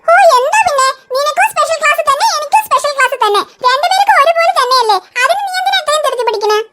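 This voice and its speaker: A woman's voice: extremely high pitch, animated, fast, sharp tone, no room sound, exaggerated voice. A woman voicing a tearful, whiny schoolgirl younger sister in a cartoon. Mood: cheeky. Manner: whiny, sobbing pleas. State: crying. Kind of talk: cartoon voice acting.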